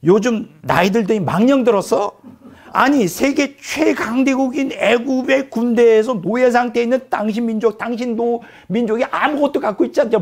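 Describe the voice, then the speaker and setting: A man's voice: creaky, darkish tone, breathy edge, exaggerated voice. A male preacher voicing an exasperated wife who scolds her husband in disbelief. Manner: scolding, incredulous, shrill. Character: exasperated shouting wife, middle-aged woman. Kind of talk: acted quote in a sermon.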